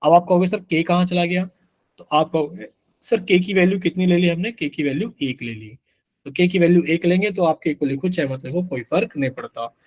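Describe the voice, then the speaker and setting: A man's voice: high-pitched, brisk, a little mellow, no echo. A young man teaching math in a live online class, constantly quizzing students and voicing their answers for them. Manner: asks students questions constantly, voices their replies as "sir".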